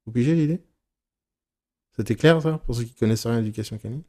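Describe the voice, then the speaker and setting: A man leading a casual teaching session for therapists, frank and animated, swearing casually and acting out his examples. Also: mid-range voice, fast. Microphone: recorded live session, on YouTube.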